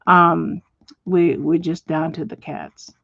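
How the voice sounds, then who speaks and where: A woman hosting a home livestream as she colors. She chats with viewers and answers them by name, and now and then she drops to a soft whisper. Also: sits low, steady tone, takes it slowly, vocal fry, no echo, muffled recording. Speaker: livestream host. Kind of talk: casual chat while coloring, reading viewer comments. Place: at home, indoors.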